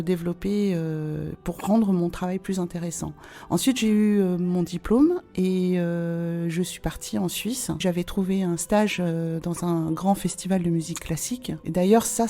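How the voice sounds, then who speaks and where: Hesitant woman in her forties, dark voice. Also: on the low side. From France. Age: 40s. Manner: hesitant, many fillers and restarts. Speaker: guest. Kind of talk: podcast interview.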